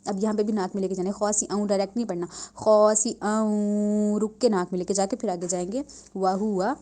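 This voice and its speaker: A woman teaching Quran recitation, patiently correcting pronunciation, drawing recited words out slowly and often checking that listeners follow. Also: medium pitch, fairly even intonation, warm tone. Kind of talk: spoken tajweed lesson.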